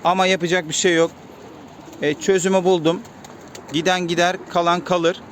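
A man's voice: high-pitched, level tone, normal speed. Man chatting outdoors at his pigeon loft. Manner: chatty, calls out to birds in repeated commands. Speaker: pigeon keeper vlogger. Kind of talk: casual vlog talk to viewers. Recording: faint outdoor noise. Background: birds and city sounds.

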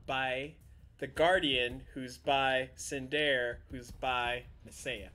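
Slow-talking man running a tabletop game. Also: mid-range voice. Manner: relaxed, describing the action in loose, halting phrases. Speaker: game master.

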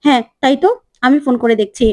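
A woman playing a grown son torn up by family troubles, pleading and emotional. The voice is high and mellow, with a dry sound. It is told as part of a spoken serial recap. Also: quick pace, no room sound, natural voice. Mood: distraught.

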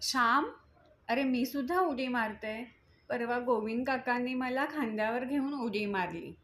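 A woman's voice: fairly high pitch, unhurried, a bit bright, slight background noise. A woman voicing a cheerful, bold little girl. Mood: eager.

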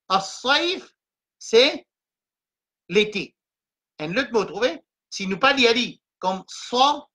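A man leads a slow reading lesson, naming each letter and vowel mark before joining them into syllables. His voice is bright and forceful, and he takes his time over every sound. He talks like a patient live-streamed tutor walking learners through each word. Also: very high-pitched, poor audio. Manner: spells out letters and vowel marks, then blends them slowly. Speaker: Quran reading teacher. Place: home, livestream.

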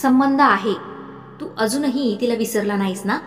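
A woman voicing an older mother figure who is fond but insistent, speaking slowly and coaxingly in an audiobook story. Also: fairly high pitch, natural voice. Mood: firm. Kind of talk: audiobook narration. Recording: echoey room with faint music.

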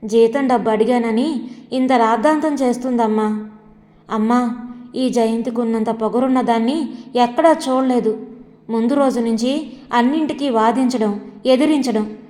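Woman reading as a sulky, scornful young husband, fairly high voice, long reverb. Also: normal speed, long pauses, mellow, lightly acted. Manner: scornful, complaining.

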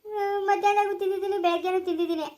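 A woman's voice: very high-pitched, steady tone, very fast, a little mellow. A woman playing a distraught village wife in a family skit, speaking in a tearful, wailing voice with a rural Chikkaballapura Kannada accent. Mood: tearful, lamenting.

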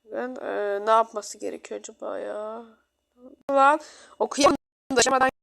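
Young woman, gaming host; casual, exasperated, high-ish voice. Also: normal speed, vocal fry, fairly bright tone. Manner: exasperated, chatty, mock-complaining at the game. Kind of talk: casual game commentary.

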